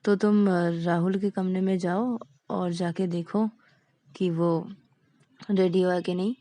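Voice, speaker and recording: A woman voicing a fond middle-aged mother who gives brisk, bossy instructions. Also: lowish voice, level tone, dark tone. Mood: bustling.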